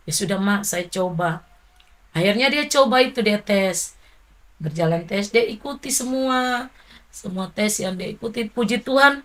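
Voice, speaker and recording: A middle-aged woman, softly and reflectively telling an interviewer about her late son. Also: fairly high pitch. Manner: soft, grieving, reflective storytelling. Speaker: interviewee, mother of a fallen soldier. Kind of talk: emotional interview recollection.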